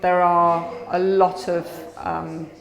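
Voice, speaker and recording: A woman's voice: fairly low pitch, little pitch movement, slow pace, gravelly. A woman who organises a coffee morning, speaking earnestly in an interview with some fillers. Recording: echoey room with crowd behind.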